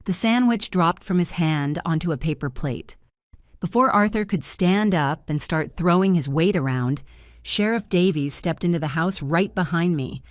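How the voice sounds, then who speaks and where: A woman reading a first-person drama story aloud with steady, even storytelling. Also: lowish voice, no room sound, studio quality. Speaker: narrator.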